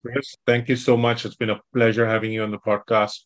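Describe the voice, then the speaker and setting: A man hosting a podcast interview, enthusiastic and quick to repeat praise. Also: fairly low pitch, little pitch movement, no room sound. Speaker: podcast host.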